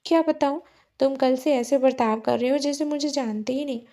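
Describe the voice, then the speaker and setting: A tearful young wife, sharp and accusing, her voice pushed higher than the reader's own, as a woman narrator acts her. Her lines come out louder and hurt in a storybook reading. The tone stays mellow underneath. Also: a little fast.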